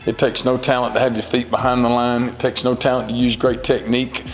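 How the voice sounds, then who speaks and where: A man in his forties, a high school football coach, answering interview questions in an earnest, rambling way with many fillers. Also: flat delivery, a little fast, long reverb tail, low-quality recording. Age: 40s.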